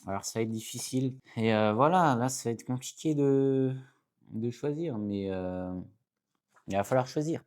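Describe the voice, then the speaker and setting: A man doing casual, chatty commentary while opening card packs, addressing his viewers constantly and breaking into sudden excited exclamations and jokes. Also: normal speed. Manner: bursts into high exclamations and jokey asides.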